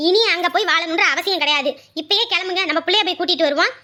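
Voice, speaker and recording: A woman voicing a middle-aged mother, high piercing voice, bright tone, scolding, outspoken. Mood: furious. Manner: loud scolding, rapid-fire outrage. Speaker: mother in a family drama. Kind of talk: web drama acting.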